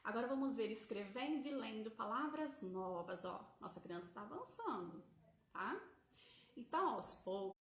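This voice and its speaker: A woman's voice: a little high, expressive, normal speed, fairly bright tone. Brazilian woman explaining, echoey room. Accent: Brazilian Portuguese. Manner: explaining, checks in with frequent "tá?" and "né?". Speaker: teacher hosting a live stream. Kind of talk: casual teaching talk to parents. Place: home, streaming from a phone.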